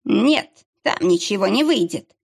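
Woman putting on a drawn-out, whiny ex-husband, husky and low-energy, storybook read. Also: lively intonation, exaggerated voice. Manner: drawn-out, whining delivery. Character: whiny, pleading ex-husband, middle-aged man.

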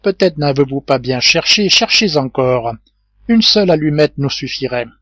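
A man reading the part of a kind, earnest teenage boy who speaks gently and encouragingly. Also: fairly high pitch, expressive, normal speed, no echo, studio quality.

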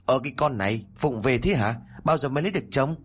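A man voicing a sharp-tongued young woman who scolds and mocks her friend in a storybook reading. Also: mid-range voice, lively intonation, quick pace, breathy edge, pitched above the performer's own voice. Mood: scolding. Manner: scolding, mocking.

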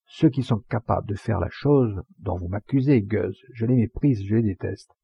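A man's voice: fairly low pitch, moderate pace, vocal fry, husky, dry recording, dull audio. A man voicing a proud, hot-tempered Provençal poacher in a storybook reading, with scornful, fiery retorts. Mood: furious.

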